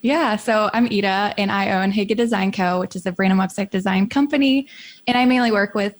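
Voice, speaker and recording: Young woman, relaxed interview guest. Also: medium pitch, brisk. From Norway. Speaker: guest, website designer. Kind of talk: casual interview.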